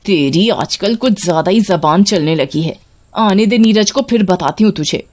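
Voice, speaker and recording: A woman voicing a cruel middle-aged mother-in-law who scolds in a harsh, drawn-out way in a storybook tale. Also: mid-range voice, a little mellow, natural voice. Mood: scolding.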